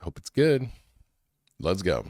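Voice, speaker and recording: A man with a deep voice talks casually as a commentary show host. He sounds slightly wheezy and congested from allergies, informal and conversational, recorded dry with very little room sound. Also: huge pitch swings, slow pace, a little mellow, dry recording.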